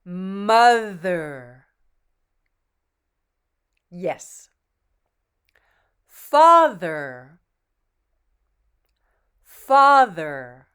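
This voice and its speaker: A woman pronunciation teacher, a native English speaker, speaks slowly and clearly in a medium-pitched, slightly bright voice. Running a deliberate pronunciation drill, she models every word twice, staying patient and encouraging.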